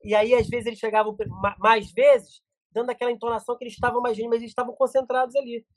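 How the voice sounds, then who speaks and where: Fast-talking man telling stories. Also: very high voice, little pitch movement, no echo, studio quality. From Brazil. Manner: rapid storytelling with many restarts. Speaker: guest. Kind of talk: casual chat.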